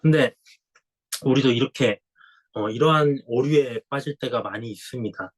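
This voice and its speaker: A middle-aged man with a cold, a pastor giving a slow, conversational Bible sermon and clearing his throat. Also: mid-range voice, low-quality recording. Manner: slow, reflective Bible exposition with a warm conversational tone.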